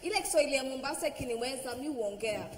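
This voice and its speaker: Outspoken Kenyan woman, high voice. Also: lively intonation, very fast, echoey room, long reverb tail, a little hiss or hum, low-quality recording. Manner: outspoken, switches between English and Sheng. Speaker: reality show cast member. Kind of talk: panel discussion.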